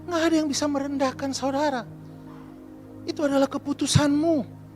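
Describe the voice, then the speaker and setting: A man, a pastor giving a lively sermon in church and asking the congregation questions. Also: very high voice, brisk, soft background music. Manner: lively preaching, asks the congregation questions, mixes in English.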